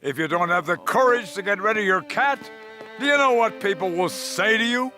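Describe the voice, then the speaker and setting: A man's voice: sits high, lively intonation, moderate pace, bright, forceful tone, faint music behind. A man voicing a pompous, lecturing middle-aged doctor. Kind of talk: cartoon voice acting.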